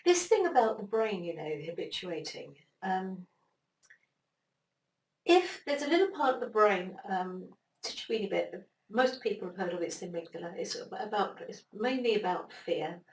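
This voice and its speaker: A woman explaining ideas as an interview guest, animated and acting out little inner voices as she talks. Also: medium pitch, moderate pace. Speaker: interview guest, brain expert. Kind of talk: conversational interview. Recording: roomy, distant mic, faint noise.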